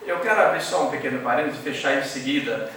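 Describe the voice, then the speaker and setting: Echoey, bright-voiced man giving a ceremonial speech. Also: mid-range voice, quick pace, a little hiss or hum. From Santa Catarina, Brazil. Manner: erudite, digressive, drops in Latin phrases. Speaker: academy member giving a tribute speech. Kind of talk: formal ceremonial speech with jokes. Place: embassy reception hall. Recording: echoey hall, mic far off.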